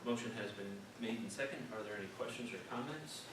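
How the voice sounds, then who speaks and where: A man with a medium-pitched voice chairs a board meeting, speaking fast in formal, formulaic procedural phrases. He is picked up by a distant microphone in a noisy, echoey meeting room.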